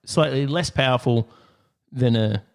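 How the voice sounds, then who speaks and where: Chatty male podcast co-host. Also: medium pitch. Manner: quick, chatty, laughs often. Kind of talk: casual comedic chat. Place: office.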